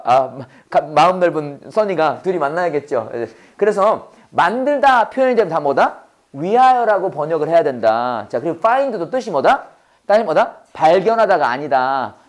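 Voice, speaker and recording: Male English teacher with a native Korean tongue, animated delivery, drilling phrases with call-and-response. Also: on the high side. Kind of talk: Bible-based English lesson to a class.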